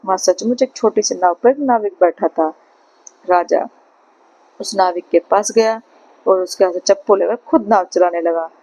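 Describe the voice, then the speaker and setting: Woman reading a folk tale, mellow tone. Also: medium pitch, moderate pace, no room sound, rough recording. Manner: steady, plain storytelling. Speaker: storyteller. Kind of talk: read-aloud folk tale narration.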